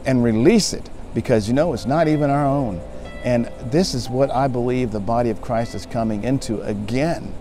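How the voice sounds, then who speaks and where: A man in his forties preaching a short devotional sermon straight to camera outdoors, earnest, reading scripture aloud slowly. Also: mid-range voice, mellow, a little hiss or hum. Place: outdoors beside a vehicle.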